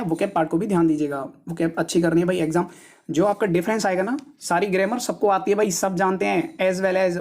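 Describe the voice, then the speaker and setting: A woman exam-prep teacher with a husky, low, dark voice works through an English test paper aloud while teaching spelling. She speaks casually, keeps addressing viewers as "brother," and repeats words before spelling them out letter by letter.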